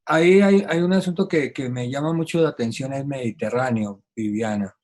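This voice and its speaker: A man hosts a talk over a video call, at a medium pitch. He puts his question together slowly, with plenty of filler sounds and repeated words. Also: a little mellow. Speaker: host. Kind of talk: online talk interview.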